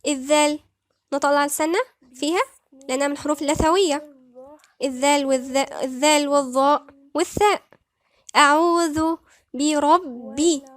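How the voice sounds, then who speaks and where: A woman with an Egyptian accent teaching Quran recitation rules, patiently repeating words slowly syllable by syllable. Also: high voice, steady tone, no echo. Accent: Egyptian Arabic. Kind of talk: tajweed lesson, slow recitation.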